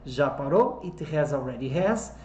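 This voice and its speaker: An English teacher with a Brazilian Portuguese accent gives an online lesson. The teacher says English example sentences slowly and explains them quickly in Portuguese. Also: medium pitch, lively intonation, a little mellow, echoey room, a little hiss or hum.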